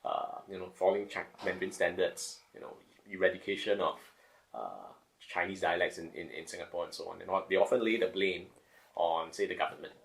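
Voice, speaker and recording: Deep gravelly male interviewer off-mic. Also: expressive, fairly quick, low-quality recording. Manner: hesitant, backchannels with soft "mm". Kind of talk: interview questions.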